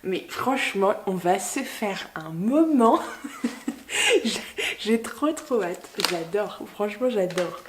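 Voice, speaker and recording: A young woman vlogs in a relaxed, unhurried way as she opens presents, gushing over each one with lots of fillers and delighted exclamations. Her home recording carries a clear hiss of background noise behind her voice. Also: medium pitch. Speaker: book vlogger. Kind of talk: casual vlog, unboxing gifts.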